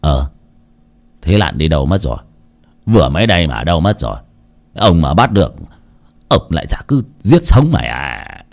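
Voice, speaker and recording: A man's voice: low-pitched, slow pace, long pauses, dark tone, voice pushed down. A man voicing a grumbling old guard who mutters threats at fish thieves.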